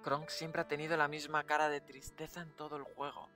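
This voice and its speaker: A man giving excitable, jokey let's play commentary, swearing freely. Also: on the high side, fairly quick, faint music behind. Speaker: streamer.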